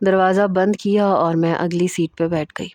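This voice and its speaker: A woman reading a first-person romantic story aloud in a steady, expressive way. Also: lowish voice, dry recording.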